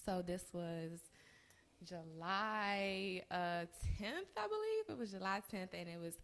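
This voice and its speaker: A woman's voice: medium pitch, expressive, slow pace, gravelly, fairly bright tone. A woman in her early twenties, a podcast co-host, telling her story in casual, chatty chat with laughs. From United States. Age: 20s. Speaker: co-host and business owner. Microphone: live-streamed recording.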